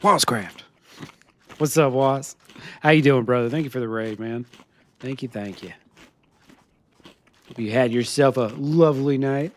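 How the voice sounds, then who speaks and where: A man talks a little slowly, leaving long pauses, as he streams a survival game and chats with viewers in character. He laughs often while he talks, and his pitch moves in lively swings.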